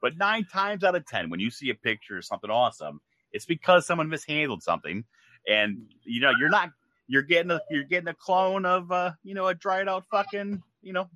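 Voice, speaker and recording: A man's voice: fairly high pitch, lively intonation, brisk, pushed and bright, no room sound. A man, a podcast guest who grows mushrooms, talking bluntly with plenty of swearing. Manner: blunt, profane, ranting. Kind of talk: casual chat.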